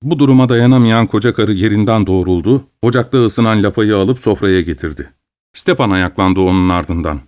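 A man narrating a story in a steady, measured audiobook reading. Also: on the low side, no echo, studio quality.

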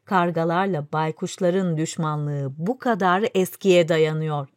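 A woman voicing a shrewd male vizier who speaks deferentially and persuades his sultan calmly. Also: on the low side, unhurried, no echo, clean studio sound, natural voice. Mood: persuasive. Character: wise scheming male vizier, respectful to the sultan.

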